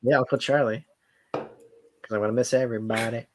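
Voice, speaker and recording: A man's voice: mid-range voice, steady tone, fairly quick, darkish tone, a little hiss or hum. A man co-hosting a podcast, easygoing and explaining facts in casual banter with many fillers. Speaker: podcast co-host.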